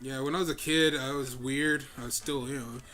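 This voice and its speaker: A man with a mid-range, bright and forceful voice speaks briskly and steadily as he co-hosts a casual video game session. He chats while playing, giggling and laughing often at his own jokes. Faint music plays behind him.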